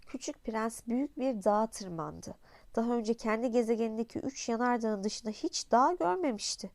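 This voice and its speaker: A woman narrating an audiobook in a calm, even storytelling manner. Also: fairly high pitch, normal speed, no echo.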